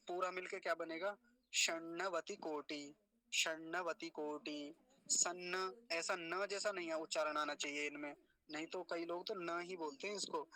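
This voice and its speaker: A man gives a patient pronunciation lesson, breaking each word into syllables and saying it again and again at a careful, slow pace. His voice is bright and forward. The sound is dry and close. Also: fairly high pitch, no room sound. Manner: slow, deliberate syllable-by-syllable demonstration; patient, explanatory, repeats words for practice. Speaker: Sanskrit pronunciation teacher. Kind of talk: spoken lesson.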